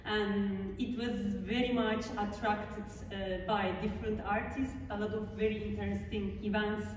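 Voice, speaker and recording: A woman with a Turkish accent giving a public lecture in an art gallery, speaking earnestly with many filler sounds and halting phrases. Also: mid-range voice, level tone, a little hiss or hum. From Turkey. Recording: echoey gallery hall from far off.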